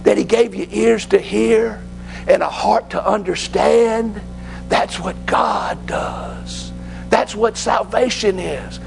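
A fervent male preacher delivers a sermon in church. His voice is high and deeply gravelly, and it sinks now and then to a hush. Faint music plays behind him. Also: steady tone, measured pace, poor audio. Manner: fervent, dropping to hushed whispers.

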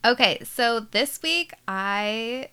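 A woman's voice: fairly high pitch, lively intonation, takes it slowly, sharp tone, clear, resonant tone. A woman co-hosting a casual podcast, who chats, laughs easily and uses lots of fillers while recapping a story. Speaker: podcast co-host.

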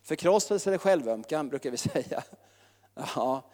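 Swedish-speaking preacher in a reverberant hall. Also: male voice. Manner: lively, folksy, with frequent tag questions; acts out whiny self-pity in a low murmur. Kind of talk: sermon.

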